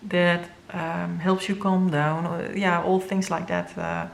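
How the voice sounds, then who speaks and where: A woman with a Dutch first language giving an earnest, halting tarot reading to viewers, with many fillers and moments where she grows emotional. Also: on the low side, animated, vocal fry. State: emotional, near tears. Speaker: tarot reader.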